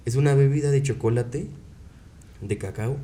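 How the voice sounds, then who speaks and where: A young man with a Mexican accent rambles through jokey anecdotes in a relaxed, casual chat. His voice sits at an ordinary pitch with a mellow, warm tone, and a faint low rumble hums underneath. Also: normal speed. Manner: joking, rambling storyteller. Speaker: co-host.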